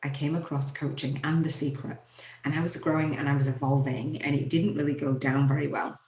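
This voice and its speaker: Speaking a little fast in a deep, darkish voice with little pitch movement, a woman from Leeds, England hosts her own show and earnestly tells her personal story in a Yorkshire accent. Now and then she laughs through the emotional moments, and the room is echoey.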